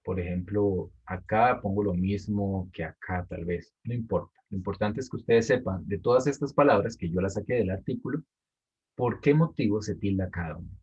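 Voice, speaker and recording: A man explains an assignment to his students in a patient, step-by-step way and repeats the key points. His voice is husky and sits fairly low. The audio sounds dull and lo-fi, like a computer microphone. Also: darkish tone. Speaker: teacher.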